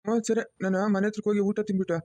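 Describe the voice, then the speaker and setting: A man's voice: high voice, level tone, very fast, darkish tone. A man with a rural Chikkaballapur Kannada accent, playing a blunt villager who keeps scolding. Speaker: son-in-law in a family drama. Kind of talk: village web-series acting.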